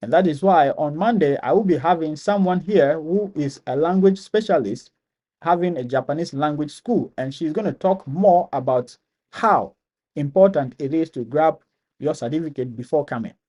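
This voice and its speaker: Ghanaian guy doing a live q&a, reads comments out then answers, says stuff twice, voice a bit on the high side. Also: moderate pace, mellow. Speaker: channel host answering viewer questions. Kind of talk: live stream Q&A chat.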